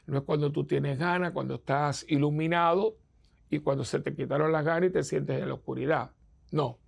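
A man preaching a sermon as a priest, gravelly and husky, emphatic, acting out the voices of people he quotes. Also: on the high side, steady tone, normal speed.

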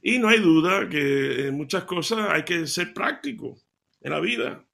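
A man giving a devotional talk, telling stories in an animated way and laughing as he goes. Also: sits high, measured pace, gravelly. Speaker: lay preacher.

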